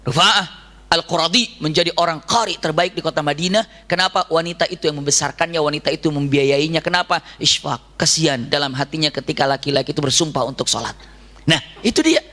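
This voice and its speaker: A man with a high voice delivers a storytelling sermon. His tone is bright and forceful, and his telling is animated. He keeps turning to the audience with questions. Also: a little fast. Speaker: preacher.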